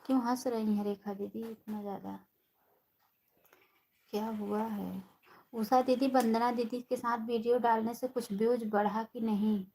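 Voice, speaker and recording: Woman live-streamer, gravelly and unhurried, greets viewers by name. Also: a little high, fairly even intonation, low-quality recording. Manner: chatty, addresses viewers by name; talks softly and slowly, holding her voice down. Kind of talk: casual live-stream chat.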